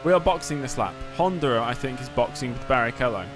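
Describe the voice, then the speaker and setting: A man's voice: mid-range voice, fast. Male streamer chatting over a racing game, music behind. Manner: talks to chat and mutters to himself. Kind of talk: casual live gaming commentary with chat replies.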